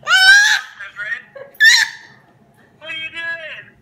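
A man's voice: very high-pitched, huge pitch swings, extremely slow, gravelly, raised voice. A father talking sweetly to his baby, heard over a phone on speakerphone. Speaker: father calling home. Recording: echoey, noisy speakerphone audio.

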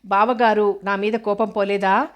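A woman's voice: mid-range voice, level tone, unhurried, close to an everyday voice. A woman narrator voicing a playful, teasing young woman in an audiobook, coaxing and pouting.

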